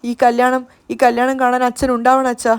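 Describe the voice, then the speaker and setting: A woman's voice: a little high, monotone, a little fast, smooth, lightly acted. A woman reading the lines of an anxious, tearful young man pleading for his father. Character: anxious grieving young man, a devoted son.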